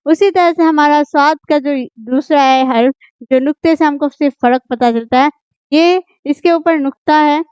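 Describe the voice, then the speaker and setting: A woman's voice: sits high, darkish tone, dry recording. A woman, teaching an Urdu writing lesson patiently and often checking that her students follow. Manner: patient, repeats checks like "ठीक है?". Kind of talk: explaining script lesson. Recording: dull, dry, lo-fi voice.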